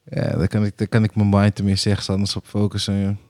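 A man co-hosting a podcast, talking in a casual, animated way, swearing and dropping English phrases. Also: on the low side, quick pace. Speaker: podcast co-host. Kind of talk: casual chat.

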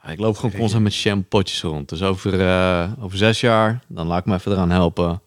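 A man with a Dutch accent co-hosting a podcast in casual chat, swearing freely and getting excited. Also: low voice, fairly quick, dry recording, clean studio sound. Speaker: podcast co-host.

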